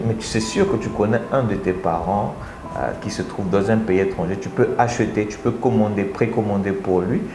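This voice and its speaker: Low-voiced man hosting a live stream from an echoey office. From Republic of the Congo. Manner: energetic, repeats phrases, addresses viewers directly. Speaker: live stream host and speaker. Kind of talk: casual live stream talk to viewers.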